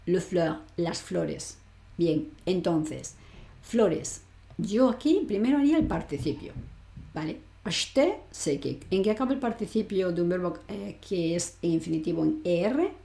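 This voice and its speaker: A woman's voice: on the low side, expressive, unhurried, creaky, warm tone. A woman teaching French grammar online, explaining step by step and asking rhetorical questions she answers herself. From Spain. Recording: echoey room.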